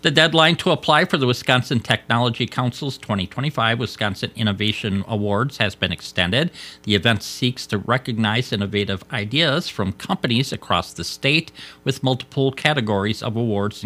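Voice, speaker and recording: An American man reading scripted local radio news as an announcer, in a measured, formal way. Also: medium pitch, bright, forceful tone. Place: radio studio.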